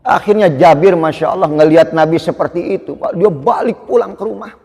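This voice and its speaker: A man preaching in a mosque, telling the story with lively asides to the congregation. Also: a little high, a little fast, slightly rough. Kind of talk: storytelling sermon. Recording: echoey mosque hall.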